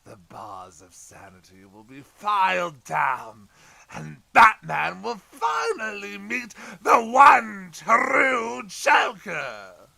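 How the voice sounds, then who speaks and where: A man playing the Joker as an unhinged, anguished and menacing clown villain in an audio drama, theatrical, swinging between hushed brooding and shouting. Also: sits high, huge pitch swings, slow, vocal fry, heavily acted. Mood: brooding, manic.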